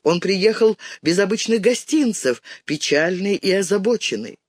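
A man reading an audiobook narration in a steady, expressive manner. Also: sits high, moderate pace, no echo, studio quality.

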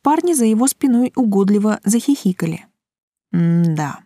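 A woman reading a first-person audiobook in a calm, dry, wry manner. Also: mid-range voice, moderate pace, dry recording. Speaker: audiobook narrator.

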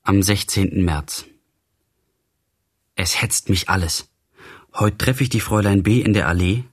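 A man's voice: sits low, a little slow, slightly rough. A man reading a literary novel in the first person, with agitated, impassioned narration.

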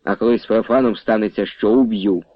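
A man voicing an angry, scornful village man who speaks with quiet threat. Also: lowish voice, a little fast, dry recording, highs cut off, natural voice.

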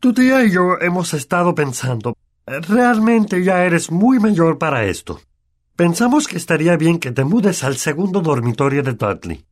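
A man's voice: high voice, animated, moderate pace, voice pushed up. A man putting on a blustering, bullying uncle. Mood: agitated. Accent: Latin American Spanish. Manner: barking, curt and bullying. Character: blustering bad-tempered middle-aged uncle. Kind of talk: audiobook character voice.

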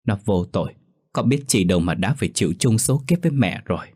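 A man's voice: lowish voice, expressive, quick pace, a little mellow, husky, no room sound, clean studio sound. A man voicing the resigned, sorrowful ghost of a dead mother in a ghost story. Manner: weary, resigned.

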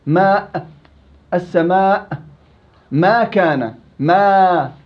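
In an interactive classroom lesson, a man teaches Quran recitation, quizzing students by name and teasing them. His voice is high and extremely slow, and the audio sounds dull.

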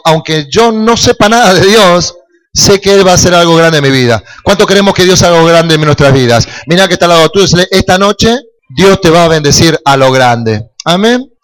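Un pastor argentino con acento rioplatense que predica un sermón, hace preguntas al público y sube a gritos en las exhortaciones. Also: male voice, a little high. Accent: Rioplatense Spanish. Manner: preaching with rising, shouting calls to the congregation; jokes and asks the crowd questions. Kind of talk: sermon.

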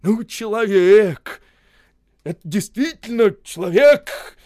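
A man doing a timid, hushed young laborer. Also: a little high, expressive, a little slow, dry recording, studio quality. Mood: awed hush.

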